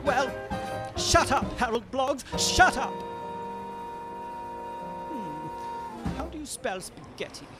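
Woman voicing a gushing, dopey young Aussie male cop, high and swooping, drawling slowly. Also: big pitch swings, over music, exaggerated voice. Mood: goofy. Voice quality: gushing, socially inept, exclaims crikey. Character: Lucky Spriggan, dim excitable young male detective. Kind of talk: improvised comedy radio drama.

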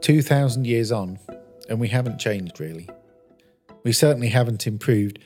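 Male preacher narrating a story for a sermon; measured, earnest, mid-range voice. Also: mid-range voice, a little mellow, faint music behind.

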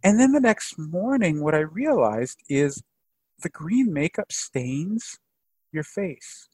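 A man chatting casually as a podcast guest, telling anecdotes in an animated, jokey way. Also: on the high side, takes it slowly, breathy edge, no echo. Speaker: podcast guest, microbiology expert.

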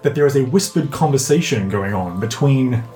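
A man's voice: medium pitch, animated, moderate pace, mellow, faint music behind. Easygoing man running a tabletop game. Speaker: game master.

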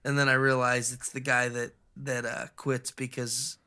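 A man with a bright, forceful tone talks casually at a middle pitch. He speaks haltingly and fills the gaps while he searches for a name. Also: flat delivery, smooth. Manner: halting, gropes for names with fillers. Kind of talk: casual chat.

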